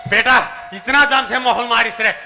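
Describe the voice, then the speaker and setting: A man's voice: very high-pitched, fairly even intonation, normal speed, gravelly, music in the background. An actor with a Chhattisgarhi accent playing a greedy, bumbling village priest who chants mantras and haggles for his fee. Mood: greedy, pleading. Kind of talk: comic sketch acting.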